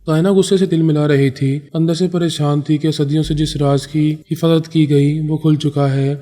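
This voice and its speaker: A man narrating a story in a steady, dramatic reading style. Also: on the high side. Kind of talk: scripted narration.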